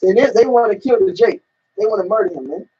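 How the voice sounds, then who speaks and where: A man's voice: high-pitched, fast, slightly rough, recorded from a distance. A man leading a casual religious discussion, reading scripture and preaching in a profane, slangy way. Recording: dull lo-fi recording.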